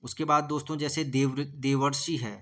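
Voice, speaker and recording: A man's voice: on the high side, level tone. A man teaching a grammar lesson for exam prep, repeating himself often and sounding out letters one by one as he explains. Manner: repetitive, calls listeners "friends" constantly, sounds out letters slowly.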